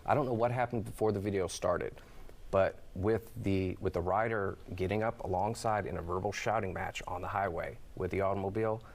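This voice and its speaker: A man speaking as an expert guest in an interview, giving advice in a measured, halting way. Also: low voice, steady tone, vocal fry. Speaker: motorcycle safety advocate guest. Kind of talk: interview commentary.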